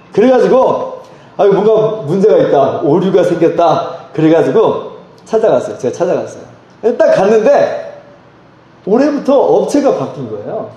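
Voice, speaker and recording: A middle-aged man preaching from the pulpit, telling a lively personal story. His voice sits high and dark, and it swings widely in pitch. It rings through a very echoey church hall. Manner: animated anecdotal storytelling with laughter. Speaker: pastor. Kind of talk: storytelling sermon. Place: church sanctuary.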